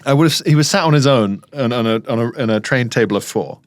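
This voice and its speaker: A man's voice: mid-range voice, fast, no room sound. A man co-hosting a comedy podcast, telling exaggerated anecdotes in casual chat. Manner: animated, exaggerated storytelling. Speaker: podcast co-host.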